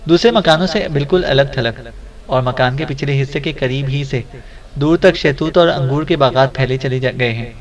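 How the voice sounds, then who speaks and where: A man's voice: mid-range voice, normal speed, distant mic, lo-fi sound, close to an everyday voice. A man voicing a fussy, easily offended male companion in an audiobook, speaking hesitantly. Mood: grumbling.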